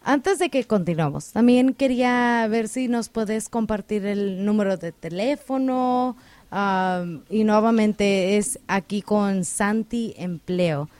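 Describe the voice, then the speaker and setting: A woman hosting a radio interview, asking questions in a relaxed way with frequent hesitations. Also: mid-range voice, slow, no room sound. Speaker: radio host.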